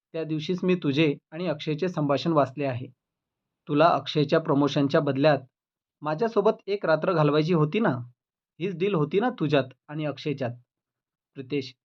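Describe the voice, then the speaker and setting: A man's voice: a little high, moderate pace, highs cut off, lightly acted. A man reading as a bitter wronged wife. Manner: cold, cutting reproach.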